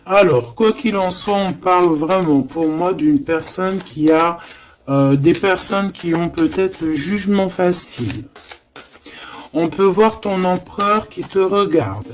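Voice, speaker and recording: A woman's voice: lowish voice, slow, a little hiss or hum. A woman giving a tarot card reading, chatty and emphatic, with frequent hesitations and asides. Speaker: tarot reader.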